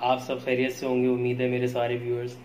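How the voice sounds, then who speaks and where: A man's voice: mid-range voice, monotone, fast, a little mellow. A man with a Pakistani Urdu accent, talking casually in a travel vlog, easygoing and dropping English phrases with frequent uh fillers. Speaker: travel vlogger. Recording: echoey room with faint background noise.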